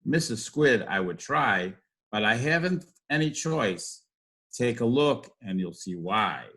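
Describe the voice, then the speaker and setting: A man's voice: mid-range voice, expressive, takes it slowly, fairly bright tone. A man voicing a gloomy, pouting fish from a picture book, in a mournful, resigned sing-song. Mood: resigned, glum. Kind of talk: read-aloud picture book.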